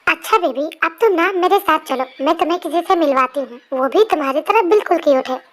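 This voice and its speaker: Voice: high voice, fast, fairly bright tone. A young performer voicing a doting, fussy mother of two boys in an amateur fan dub. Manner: affectionate, scolding by turns.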